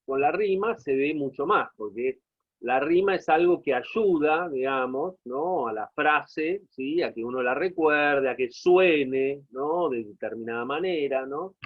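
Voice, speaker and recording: A man's voice: a little high, measured pace. A man with an Argentine accent giving a university lecture over a video call, explaining at length and often checking in with his students. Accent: Argentine Spanish. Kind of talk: online class lecture. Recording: tinny phone-like call audio.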